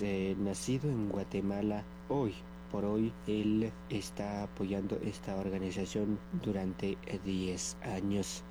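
Man, field reporter, flat low voice, slow, noisy outdoor recording. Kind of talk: radio news report.

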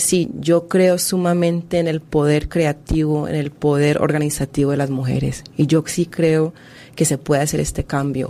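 A Colombian-born woman who is a historian and author answers interview questions earnestly and in a measured way, often restarting her sentences. Her voice sits low and has a warm tone.

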